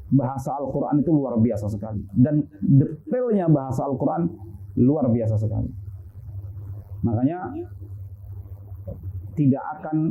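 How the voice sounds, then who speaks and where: A man giving a casual, explanatory religious lecture on Quran sciences, full of fillers and rhetorical questions, in an online class. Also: mid-range voice. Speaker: Islamic studies teacher. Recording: tinny phone-like line.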